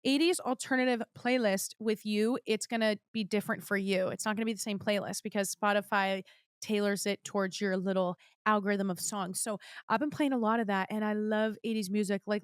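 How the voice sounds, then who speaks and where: A young woman hosts her own podcast, chatting casually and gushing to listeners, whom she addresses directly, about what she's been loving lately. Her medium-pitched voice is bubbly, with fairly even intonation, a moderate pace, and a clean tone. The recording is dry and studio quality.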